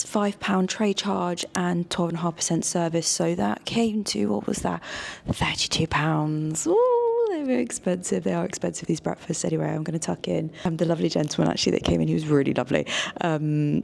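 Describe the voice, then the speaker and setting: A woman, casually reviewing a hotel stay in a chatty, candid vlog from her hotel room. She often slips into soft, near-whispered asides. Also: on the low side, animated, brisk, gravelly. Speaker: hotel and food reviewer, channel host. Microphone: small wireless clip-on mic.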